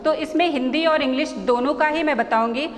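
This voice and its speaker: A woman with an Indian accent teaching an English spelling lesson at a board, slowly spelling out letters and their sounds one by one. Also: high-pitched. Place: school classroom. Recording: reverberant room, faint background noise.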